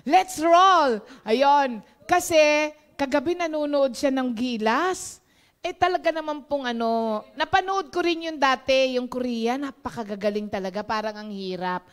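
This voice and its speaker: A woman's voice: sits high, moderate pace, smooth. A Filipino woman preaching in a casual, chatty devotional talk, laughing often and mixing English phrases in.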